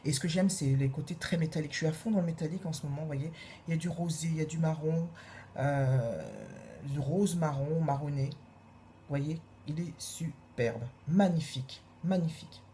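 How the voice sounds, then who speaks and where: A low, mellow-voiced woman chats through a makeup review, gushing and repeating her praise with plenty of hesitations. A faint hiss of background noise sits under her voice. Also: moderate pace. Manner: gushing, repeats praise words, many fillers. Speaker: beauty vlogger.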